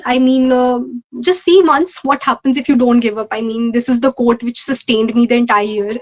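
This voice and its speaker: Young Indian woman, higher-pitched voice. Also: poor audio. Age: young adult. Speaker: interview guest, medical postgraduate exam ranker. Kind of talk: conversational interview answers.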